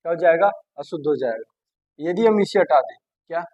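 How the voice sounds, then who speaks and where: A man's voice: a little high, expressive, brisk, darkish tone, no echo. A male teacher giving a grammar lesson, who keeps asking "what?" and then answers himself by repeating the word. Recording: dull dry lo-fi sound.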